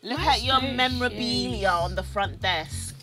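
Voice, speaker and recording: A giggly young woman from Kent hosting a hidden-camera prank show, talking loudly and giving orders. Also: mid-range voice, normal speed, over music. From Kent, England. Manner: giggly, loud, directing.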